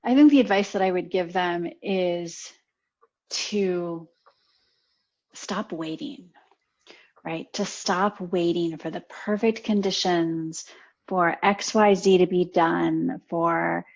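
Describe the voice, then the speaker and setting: A woman coach talking in a casual interview, telling animated stories and laughing often. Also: on the low side, takes it slowly, vocal fry. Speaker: podcast guest, coach. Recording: slightly dull lo-fi audio.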